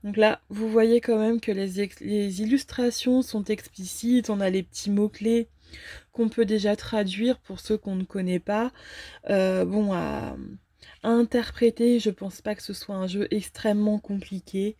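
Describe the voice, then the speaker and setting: A woman casually unboxing and reviewing a fortune-telling card deck, talking hesitantly with many filler pauses. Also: medium pitch, steady tone, warm tone, no room sound.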